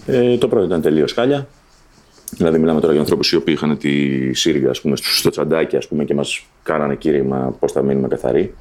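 Man, very low pitch, dark tone, candid personal storytelling, halting casual delivery. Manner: conversational, loose and halting, with frequent fillers.

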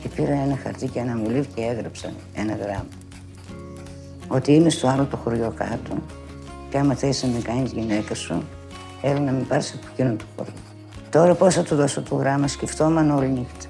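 A woman's voice: rumbling low, creaky, faint music behind. An older woman telling a personal story from her youth, bringing it to life by acting out the voices of the people in it. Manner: animated retelling, acting out quoted speech with many asides of "she says".

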